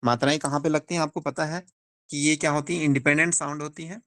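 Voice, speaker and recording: A man's voice: on the high side, steady tone, fast, sharp tone. A young man teaching a phonics lesson in a classroom, explaining step by step and asking the class questions.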